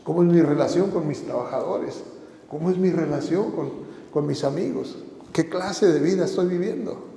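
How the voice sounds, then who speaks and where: A man's voice: fairly high pitch, normal speed, creaky, dark tone, echoey room, big-room sound. A man preaching a sermon as pastor, exhorting the listeners with repeated phrases and rhetorical questions.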